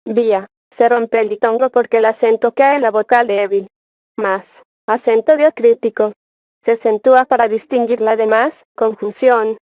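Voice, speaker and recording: A woman reads aloud from a textbook, working through its passage and exercise answers in an even, measured tone. Her voice sits a little high. The recording is dry and close, with no room sound. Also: dry recording. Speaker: reader.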